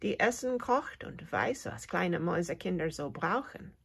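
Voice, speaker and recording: A woman voicing a small, cheerful male cricket who is cold and hungry, with a thin, high, chirpy voice, in a storybook reading. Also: animated, a little slow, gravelly, fairly bright tone, husky, exaggerated voice. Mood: eager.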